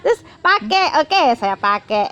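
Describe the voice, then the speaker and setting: A middle-aged woman, telling a heartfelt personal story as an interview guest, often repeating herself and swinging between bright and hushed. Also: fairly high pitch, big pitch swings, unhurried, clean tone. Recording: slightly dull lo-fi sound.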